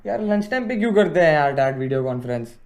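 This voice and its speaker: A man's voice: a little high, sing-song, quick pace, a little mellow, smooth. A young man acting as a frustrated older brother, snapping in a Hindi-English mix in a film scene. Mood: grumbling. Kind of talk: film dialogue.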